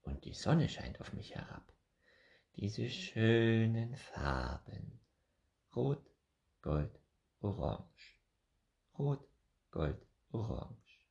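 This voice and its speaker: A man voicing an anxious, excitable little squirrel in a children's storybook, shrill and loud. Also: very slow, creaky, pauses often, muffled recording, heavily acted. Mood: dreamy. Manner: shrill, frantic, loud exclaiming. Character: anxious excitable squirrel, male, small, frets.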